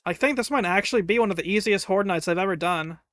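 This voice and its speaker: A man's voice: sits high, fast, a bit bright. A man casually commenting on his own gameplay during a live stream, chatty and wry, taunting enemies as he plays. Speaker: game streamer.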